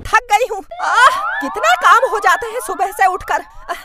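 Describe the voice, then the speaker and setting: A woman's voice: extremely high pitch, a little slow, over loud music. A woman acting as an overworked, indignant housewife in a comedy sketch, complaining in sing-song lists of chores. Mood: weary complaining. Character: tired scolding housewife, overworked mother.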